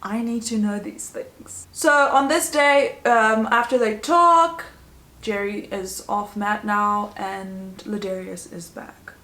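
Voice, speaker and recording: A woman's voice: medium pitch, fairly even intonation, slow pace, sharp tone. Woman vlogger rambling about a show, sarcastic little asides, roomy echo. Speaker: TV review vlogger. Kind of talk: casual chatty review.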